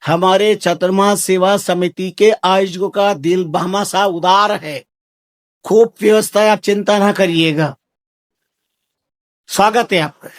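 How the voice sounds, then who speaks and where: Man, high-pitched voice, devotional sermon, exhorting, repetitive, emphatic bursts. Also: dry recording, clean studio sound. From Rajasthan, India. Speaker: spiritual teacher.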